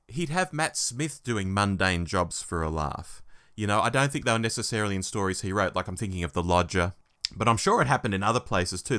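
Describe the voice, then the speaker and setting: A man's voice: fairly low pitch, pushed and bright, clean tone. A man co-hosting a podcast, musing over an episode and chuckling as he talks. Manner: musing, chuckles while talking. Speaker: podcast co-host. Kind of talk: casual review chat.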